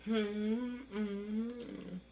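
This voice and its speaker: Slow, murmuring woman eating on camera. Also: mid-range voice, steady tone, gravelly, mellow, dull audio, slight background noise. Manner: slow, murmuring between bites. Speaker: mukbang eating show host. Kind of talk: casual eating show commentary.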